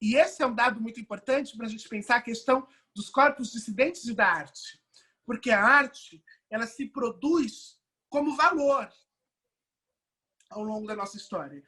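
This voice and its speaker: A Brazilian woman lectures in a fairly high, husky voice. She builds her points slowly, with rhetorical questions and frequent tag questions as she reasons aloud. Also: pushed and bright. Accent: Brazilian Portuguese. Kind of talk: online course lecture.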